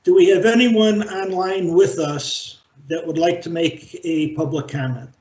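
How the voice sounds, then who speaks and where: A man chairing a library board meeting over a video call, speaking in a halting, measured way with frequent fillers. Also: high voice, steady tone, darkish tone. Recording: roomy, dull video-call audio.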